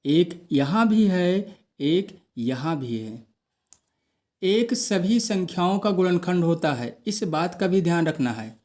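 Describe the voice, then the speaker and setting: A man's voice: high-pitched, expressive, takes it slowly, a little mellow. A man teaching a math lesson, posing questions to the class and answering them himself.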